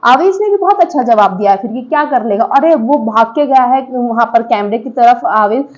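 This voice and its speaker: Her voice a little high and expressive, at a moderate pace, a woman gives emphatic, casual takes to reality show viewers. She drops in English words and checks in with listeners. The sound is muffled.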